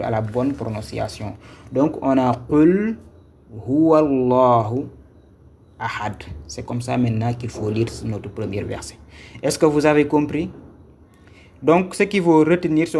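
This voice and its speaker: A man's voice: medium pitch, dark tone, slight background noise. Man teaching step by step. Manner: patient, repeats each step, asks if viewers follow. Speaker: Quran recitation teacher. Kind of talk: live-streamed lesson. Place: Senegal.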